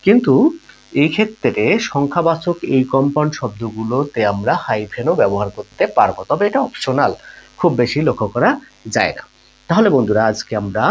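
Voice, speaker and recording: A man's voice: medium pitch, slight background noise, rough recording. A man teaching a grammar lesson, patiently explaining rules with examples and often calling his listeners friends. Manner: patient, repeats key points, addresses listeners as friends.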